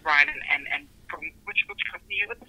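A man's voice: on the high side, fast, rough recording. A man politely answering an office phone, heard through a phone speaker. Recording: sharp, thin phone speaker sound.

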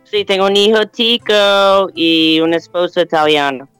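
Calm middle-aged American woman speaking Spanish. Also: medium pitch, clean tone, no echo, soft background music, poor audio. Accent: American English. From United States. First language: English. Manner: calm, unhurried, mixes in English words. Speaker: guest astrologer and yoga teacher. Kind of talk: remote interview over a call.

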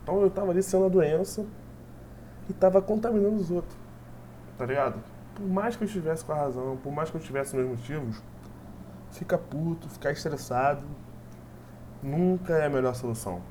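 A man's voice: fairly high pitch, a little fast, pauses often, noisy background. A man, telling a personal story in a casual, rambling way full of fillers. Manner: rambling, repetitive, full of "tipo assim" fillers.

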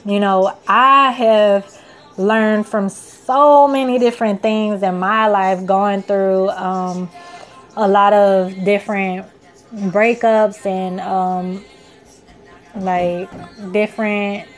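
A young woman in her twenties talks slowly through a casual self-help podcast monologue. She rambles earnestly, leaning on "you know" and "like" as she encourages the listener, with soft music playing faintly behind her. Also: mid-range voice, steady tone. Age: 20s. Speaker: podcast host.

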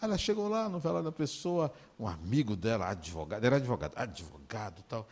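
A man with a Brazilian Portuguese accent, giving a talk in an animated, conversational storytelling way. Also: lowish voice, fast. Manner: animated, conversational, acts out dialogue.

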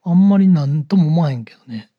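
A man's voice: a little high, animated, quick pace, muffled recording. A man from the Kyoto area with a Kyoto-style Kansai accent, chatting casually as a co-host. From Kyoto area, Japan. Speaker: podcast co-host. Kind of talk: casual chat.

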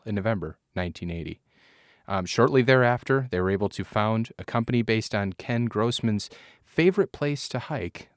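A man's voice: fairly low pitch, dry recording, studio quality. A man co-hosting a casual podcast, joking around and reading facts aloud with a rambling delivery. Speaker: podcast co-host. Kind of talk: casual chat.

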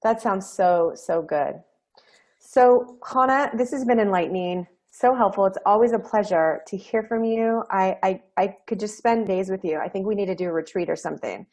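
A woman's voice: medium pitch, moderate pace, a little mellow. A woman hosting a podcast interview, effusive and affirming as she asks questions. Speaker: podcast host. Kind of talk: casual interview talk.

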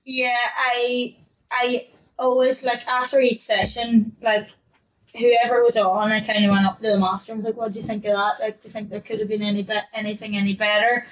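A woman's voice: a little high, level tone, a little fast, muffled recording. Laughing, chatty young woman coach. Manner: chatty, laughs often, acts out her past self. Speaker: newly qualified fitness coach, podcast guest. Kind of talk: casual podcast chat.

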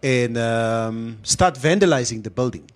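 A man's voice: medium pitch, measured pace. A man hosting a casual, opinionated discussion, slipping in Afrikaans phrases. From South Africa. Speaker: talk show host.

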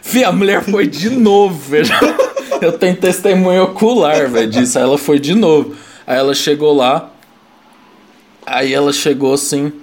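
A man's voice: a little high, moderate pace, darkish tone. A young man, casually telling a story in rambling chat, laughing and packing in slang fillers.

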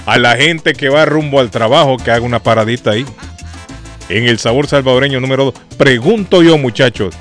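A man's voice: medium pitch, fairly quick, a bit bright, soft background music. A man hosting a live radio show from the studio, chatting and often repeating himself as he affirms what others say.

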